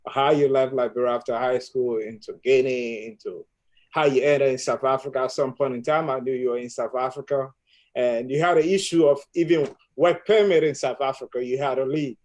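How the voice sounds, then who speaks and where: Man, show host, live-stream podcast, formal, welcoming, rambling questions, mid pitch. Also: steady tone, a little fast, darkish tone, low-quality recording.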